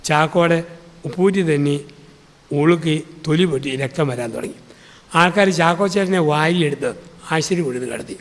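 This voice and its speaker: Male priest, higher register, storytelling sermon with repetition, long hall reverb. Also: moderate pace. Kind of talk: sermon with humorous anecdotes.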